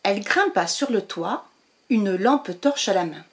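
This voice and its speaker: A woman storyteller reading a children's picture book aloud, with slow, expressive narration. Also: mid-range voice.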